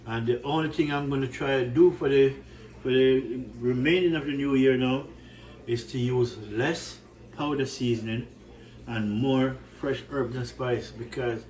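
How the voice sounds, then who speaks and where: In his home kitchen, a man from Jamaica talks unhurriedly to his cooking channel audience with fairly even intonation and a medium pitch. He's warm and rambling, repeats himself, and keeps saying "right?", all captured on a distant mic in a low-quality recording.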